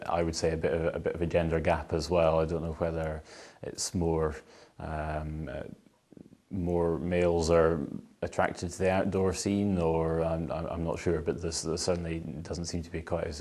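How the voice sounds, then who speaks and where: A man's voice: very deep voice, a little mellow. A man answering casually as an interviewee, with a tentative, hedging way of talking. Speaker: vox pop interviewee.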